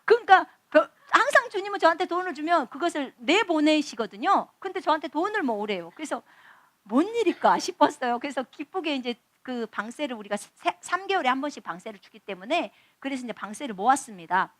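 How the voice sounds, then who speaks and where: A woman's voice: sits high, very animated, fairly quick, fairly bright tone, dry recording. A woman missionary preaching a testimony sermon, telling stories and acting out dialogue with animation.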